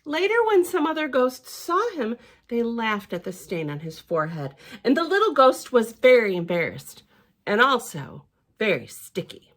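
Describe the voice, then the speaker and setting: A library storyteller reads a picture book aloud to young children, performing it theatrically and expressively and adding chatty asides. Her voice is a little high and moves at a normal speed.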